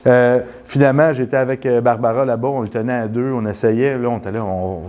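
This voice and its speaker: A man with a Quebec French accent, telling a rambling, animated story full of restarts and then guiding a postural check. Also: medium pitch, fairly quick, muffled recording. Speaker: postural therapist. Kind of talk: casual storytelling and live demonstration.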